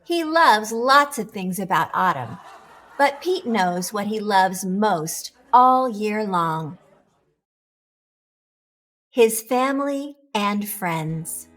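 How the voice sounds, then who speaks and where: With a medium-pitched voice, a woman reads aloud to little ones from a picture book, taking her time and putting lots of expression into it.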